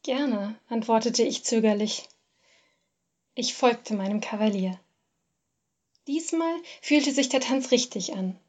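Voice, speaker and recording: A woman narrating a first-person literary story in a measured, expressive reading. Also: a little high.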